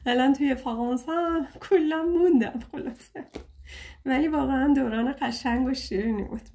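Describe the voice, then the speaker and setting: A young woman with a high, dark-toned voice gives a casual tarot reading. She's chatty and playful, cracking jokes at her own expense and fondly pleading with her listeners.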